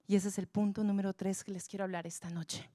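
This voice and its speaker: A woman preaching a sermon with passion, repeating words for emphasis and dropping at times to a hush. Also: mid-range voice, little pitch movement, fast talker, dry recording, clean studio sound. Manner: impassioned, swings between loud pleas and hushed whispers.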